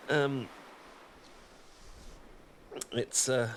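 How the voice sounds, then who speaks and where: A British man of medium pitch performs an ASMR roleplay, flustered and stammering, putting himself down amid nervous laughs and sighs. A little hiss or hum sits under his voice.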